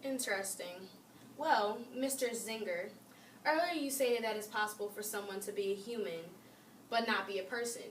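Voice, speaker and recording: A woman's voice: medium pitch, moderate pace, close to an everyday voice. A young woman playing an upbeat talk-show moderator. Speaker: student playing a debate moderator. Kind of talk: amateur class-project role-play. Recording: echoey room, mic far off, faint noise.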